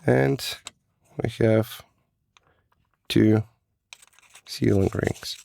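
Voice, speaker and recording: Slow, gravelly man reviewing gear. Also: on the low side, dark tone. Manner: hesitant, halting, non-native phrasing. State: sick, rough voice. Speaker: flashlight reviewer. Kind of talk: casual product review.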